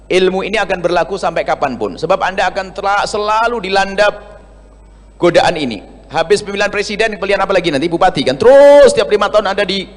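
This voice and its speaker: Animated preacher in a reverberant hall. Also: male voice, on the high side. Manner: animated, swings between loud emphasis and hushed asides. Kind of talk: sermon.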